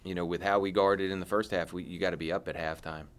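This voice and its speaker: A man's voice: deep voice, fairly even intonation, fast talker, smooth. A middle-aged man, a basketball head coach, answering reporters after a game in a blunt way, often repeating and restarting his phrases. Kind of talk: postgame press conference answers. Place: press conference room.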